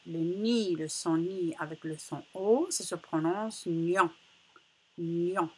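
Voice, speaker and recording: A woman teaching young children a phonics lesson, sounding out syllables slowly and repeating each one with care. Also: mid-range voice, bright, forceful tone, breathy edge. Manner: slow, carefully articulated, repeats sounds for children. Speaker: primary school teacher.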